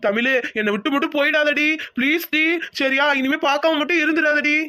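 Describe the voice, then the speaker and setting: A lovesick young village man in a cartoon romance, voiced by a woman. He speaks high and quick, coaxing and pleading with warm affection. He sounds devoted and insistent throughout. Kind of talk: cartoon voice acting.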